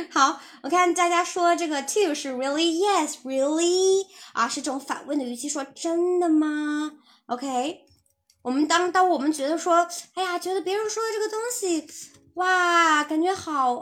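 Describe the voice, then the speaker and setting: A woman's voice: high-pitched, fairly bright tone. A woman teaching English in a live-streamed lesson, chatty and encouraging as she answers viewers' messages. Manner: chatty, encouraging, reads out chat replies with laughs.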